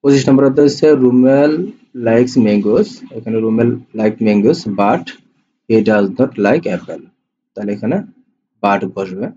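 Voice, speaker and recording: He has a mid-range, warm voice and talks slowly as he tutors through exam questions, repeating each answer after reading the question. His accent is Bangladeshi Bengali, and the lo-fi voice-over is dull with faint hiss.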